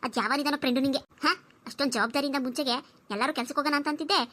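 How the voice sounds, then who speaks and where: [name], a woman voicing a sharp-tongued young wife. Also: sits high, steady tone, very fast. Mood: accusing. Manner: scolding and sharp. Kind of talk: cartoon voice acting.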